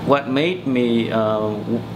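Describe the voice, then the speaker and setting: In a small bedroom, a Vietnamese musician in his forties is interviewed for an oral history, recalling personal memories. He speaks with a Vietnamese accent at medium pitch, halting and hesitant as he searches for words, and background noise can be heard.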